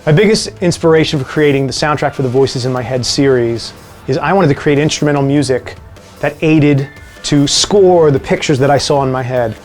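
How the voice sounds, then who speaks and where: A man with a New York accent answering viewer questions in a casual vlog, relaxed and wry with dry jokes. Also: mid-range voice, normal speed, soft background music.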